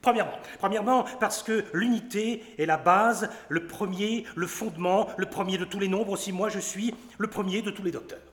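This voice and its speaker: A man's voice: high voice, moderate pace, hardly any pauses, fairly bright tone. An actor playing a pompous, boastful male doctor who lectures, counts out his points and shows off Latin, in stage acting of a classic comedy. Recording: echoey hall with long reverb.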